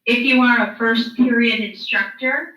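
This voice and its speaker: A woman making a polite, formal announcement to teachers over a school intercom loudspeaker. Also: a little high, fairly even intonation, measured pace. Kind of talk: public announcement. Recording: echoey, muffled loudspeaker heard in a classroom.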